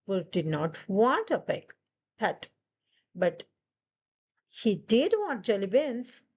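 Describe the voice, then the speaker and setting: Slow, lively woman reading a storybook aloud. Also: husky. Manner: slow storytelling, voices quoted lines higher. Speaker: narrator reading a picture book aloud. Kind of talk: children's read-aloud.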